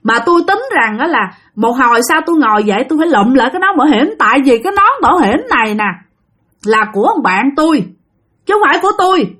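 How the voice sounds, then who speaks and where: Woman doing a frantic teen girl ghost, high, wailing, swings wildly in pitch. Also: animated, fast, fairly bright tone, husky, heavily acted. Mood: lamenting. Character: ghost of a sixteen-year-old girl.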